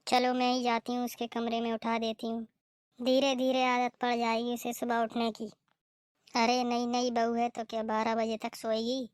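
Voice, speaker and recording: A woman's voice: a little high, completely flat delivery, normal speed, smooth, dry recording, studio quality, lightly acted. A woman voicing a strict, scolding middle-aged mother-in-law in a cartoon, nagging and complaining. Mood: grumbling. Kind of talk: cartoon voice acting.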